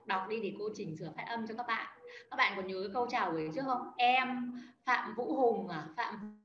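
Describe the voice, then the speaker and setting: Over a video call, a woman guides a beginner language class step by step, calling on students by name. Her medium-pitched voice has a fairly bright tone and a moderate pace, heard through echoey, dull lo-fi audio with faint noise.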